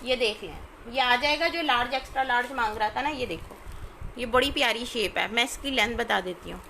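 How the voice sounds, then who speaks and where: A woman, chatting informally as she sells clothes on a live stream and often checking in with her listeners, over clear background noise. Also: fairly high pitch, fairly quick, sharp tone. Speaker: live online clothing seller. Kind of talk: casual live shopping sales chat.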